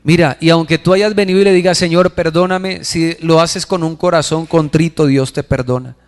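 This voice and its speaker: A man, preaching a sermon as pastor, asking the crowd questions and slowing right down to stress scripture. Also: fairly high pitch, steady tone. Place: church hall. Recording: long hall reverb.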